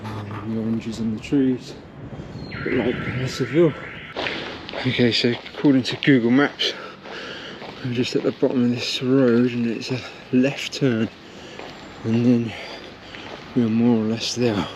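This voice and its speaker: A man's voice: mid-range voice, little pitch movement, unhurried, lo-fi sound. A man talking casually to camera outdoors, explaining things as a running vlogger. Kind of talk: casual vlog talk to camera. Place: outdoors on city streets. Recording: outdoor urban traffic noise.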